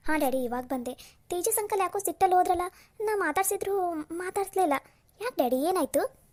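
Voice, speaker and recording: Woman voicing a stubborn young cartoon daughter, high voice, mellow, defiant. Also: lively intonation, brisk. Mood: worried. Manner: insistent and defiant. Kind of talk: Kannada cartoon voice acting.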